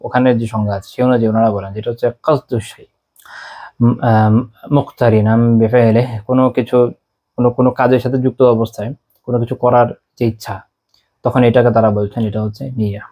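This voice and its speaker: A man giving an Islamic lesson at a brisk clip, his voice sitting in a middle register. He explains texts as he goes and often asks a question and answers it himself. His speech is sprinkled with "ah" fillers. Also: mid-range voice, flat delivery, mellow. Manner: frequent "ah" fillers; recites Arabic passages slowly, then explains them. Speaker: Islamic teacher. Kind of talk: religious lecture explaining texts.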